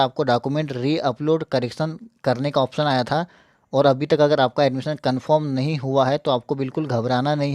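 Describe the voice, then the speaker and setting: A man's voice: medium pitch, darkish tone, no echo. Young guy walking viewers thru a website, keeps saying "ok?", mouth sore, dry close mic. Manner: repetitive, reassuring, keeps checking in with listeners. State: mouth ulcer hampering pronunciation. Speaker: YouTube tech channel host. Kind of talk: casual screen-share tutorial.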